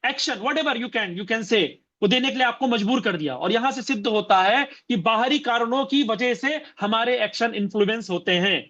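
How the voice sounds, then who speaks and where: High, bright-voiced man giving a motivational talk. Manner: repeats phrases and fires rhetorical questions at the audience. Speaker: motivational business trainer. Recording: dull lo-fi recording.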